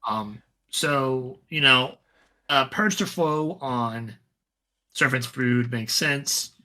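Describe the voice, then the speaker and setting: A man with a strikingly bright, forward voice, talking casually as a podcast co-host. His pitch sits in the middle for a man. He rambles in a relaxed way, with lots of fillers and restarts. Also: drawn-out words. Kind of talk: casual chat about a tabletop wargame.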